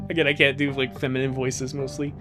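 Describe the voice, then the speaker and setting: Reading a fan comic out loud on a live stream, a man chats and jokes over music, giggly and prone to laughter and mild cursing as he adds his commentary. He speaks at normal speed in a medium-pitched, level voice.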